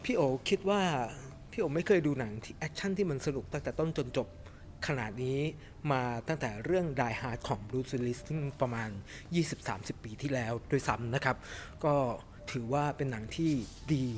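A middle-aged man giving a casual, animated film review to camera in a cinema lobby, chatting with lots of fillers. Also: mid-range voice, a little fast, a little hiss or hum. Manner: chatty and animated, refers to himself by nickname, many fillers. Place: cinema lobby in front of a movie poster, indoors.

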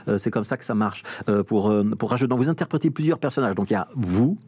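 A man's voice: on the low side, animated, fast, a little mellow, husky, no echo. A man, a TV culture interviewer asking questions in a conversational way.

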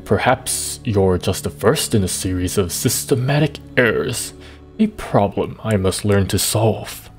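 Guy doing a creepy evil lich voice, slow and sinister, kinda low, reading game lines. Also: expressive, music in the background. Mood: cold. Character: evil undead male lich, menacing and grandiose. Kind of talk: reading game dialogue aloud in character.

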